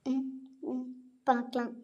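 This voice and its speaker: A woman's voice: sits high, monotone, takes it slowly, a little mellow, dull audio, soft background music. A woman playing a hurt young bride who pleads emotionally in an amateur audio drama. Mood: pleading, tender.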